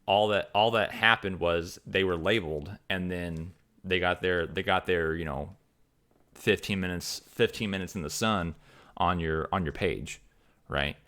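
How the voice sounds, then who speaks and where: A man's voice: deep voice, measured pace, a bit bright. A man streaming live, talking over a video in a loose, rambling way, often repeating words and asking "right?". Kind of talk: casual live-stream commentary.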